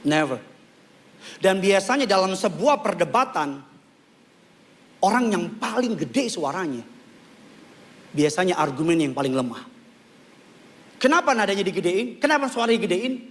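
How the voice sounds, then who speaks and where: High-voiced animated male preacher. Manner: animated, joking, repeats key lines for emphasis. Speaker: pastor. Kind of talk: sermon. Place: large church.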